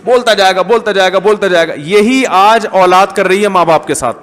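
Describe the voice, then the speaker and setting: A man's voice: sits high, a bit bright, a faint crowd. A man with a Pakistani Urdu accent giving a humorous, rhetorical reformist sermon as an Islamic scholar. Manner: humorous, rhetorical, mimics voices. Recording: long hall reverb.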